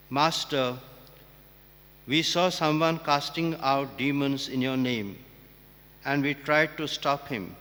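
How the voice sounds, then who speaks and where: A man serving as priest, reading the gospel and preaching a homily in a slow, deliberate way, his voice ringing with a cathedral echo in a large church. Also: mid-range voice, fairly bright tone. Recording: long church reverb.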